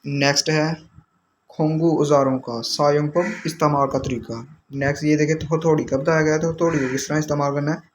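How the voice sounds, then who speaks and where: A man's voice: a little high, steady tone, brisk. Patient male teacher explaining vocabulary. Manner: explains patiently, repeating each term with its meaning. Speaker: language teacher. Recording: dull lo-fi sound with faint background noise.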